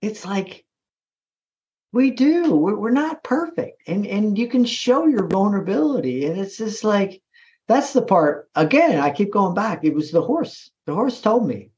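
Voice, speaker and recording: A military veteran talking in a casual interview, with many restarts and fillers. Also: male voice, high voice, very animated, a little mellow. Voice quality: halting, full of restarts and "like". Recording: slightly muffled recording.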